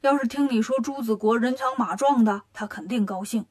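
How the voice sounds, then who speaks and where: A woman voicing a boastful male demon king in a children's storybook tale, with low gloating chuckles. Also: brisk, darkish tone, close to an everyday voice.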